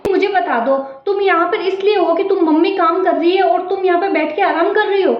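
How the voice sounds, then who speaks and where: A woman playing a bossy, taunting daughter. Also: very high-pitched. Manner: scolding, taunting, quick to accuse. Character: bossy young married daughter visiting her mother. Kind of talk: home-made family drama skit. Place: indoors at home. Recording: roomy, dull lo-fi sound.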